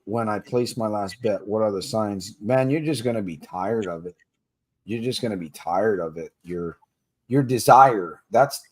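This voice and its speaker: A man hosting a casual livestream for gamblers in recovery, plain-spoken and slangy, coaching listeners directly and laughing easily between points. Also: on the low side. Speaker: podcast host for gamblers in recovery.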